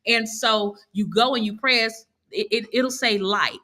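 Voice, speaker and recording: Female online instructor with a bright, clear tone. Talks like a casual live class: chatty, quick to laugh, corrects herself as she goes. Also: fairly high pitch. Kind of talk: casual live teaching over screen share.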